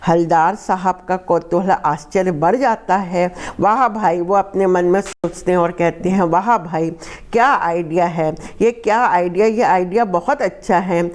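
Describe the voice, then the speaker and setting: A woman's voice: medium pitch, darkish tone. A woman teacher reading a Hindi text aloud and going over each line again in simpler words for her class. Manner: reads a line, then rephrases it slowly in simple words. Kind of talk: reading and explaining a Hindi lesson.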